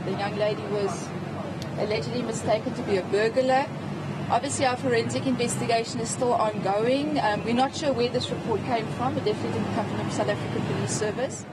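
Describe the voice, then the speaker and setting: A woman gives a formal, officious police statement outdoors. Her voice is fairly high. Loud traffic and street noise surround her. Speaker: police spokesperson. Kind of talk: press statement.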